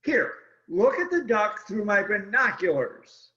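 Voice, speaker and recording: Excitable, insistent storybook arguer played by a man, high and bright, exclaiming emphatically. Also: a little slow, full character voice. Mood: eager. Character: excitable picture-book bickerer insisting it's a duck. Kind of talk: animated children's read-aloud. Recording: dull, lo-fi video call audio.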